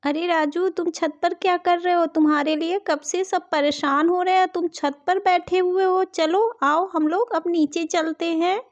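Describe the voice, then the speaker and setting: Woman doing a calm, scolding elder sister. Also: very high voice, a little slow, hardly any pauses, dull audio. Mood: reassuring. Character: calm older sister figure, neighbor.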